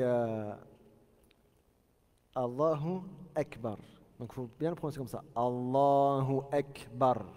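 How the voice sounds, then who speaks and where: Man teaching with slow Arabic demonstrations. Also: medium pitch, warm tone, in a large hall. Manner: explains by repeating and demonstrating Arabic phrases slowly. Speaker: Islamic teacher. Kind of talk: religious lesson.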